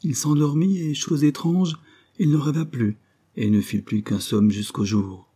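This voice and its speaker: Audiobook narrator, man, measured reading, dark mellow tone. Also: on the high side, husky. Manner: measured, storytelling. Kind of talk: scripted literary narration.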